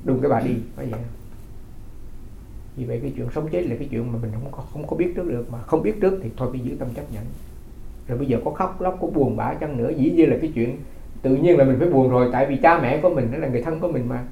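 A man's voice: mid-range voice, fast, vocal fry, warm tone, reverberant, slight background noise, poor audio. A man who is a Buddhist monk from Vietnam, giving a dharma talk as folksy storytelling, often repeating his words.

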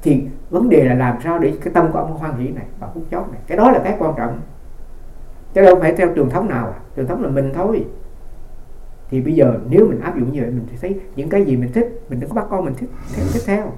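A Buddhist monk gives a relaxed, storytelling dharma talk in a fairly high, mellow man's voice. He wanders through his anecdotes and often restarts phrases. The sound has the roomy ring of a hall. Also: quick pace. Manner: rambling storytelling with frequent restarts.

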